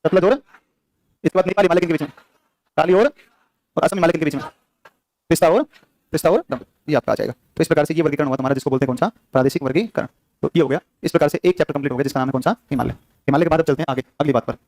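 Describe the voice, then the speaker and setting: A young man with a fairly high, darkish voice teaches an exam-prep geography class despite a sore throat. He drills facts rapidly and repetitively, firing quiz questions at his students, and there's no echo on the recording.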